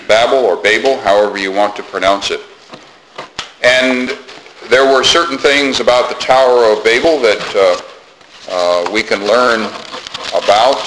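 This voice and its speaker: A man preaching a sermon to his congregation in a measured way, often pausing with "uh" between thoughts. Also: on the low side, background noise. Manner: measured, with frequent "uh" pauses; soft-spoken in prayer.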